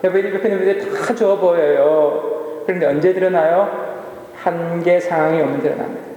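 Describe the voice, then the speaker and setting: Brisk and fairly even in intonation, a pastor with a slightly high, dark voice preaches in a church, often posing questions to the congregation and then answering them. The audio is dull, and the echoey hall carries a long reverb.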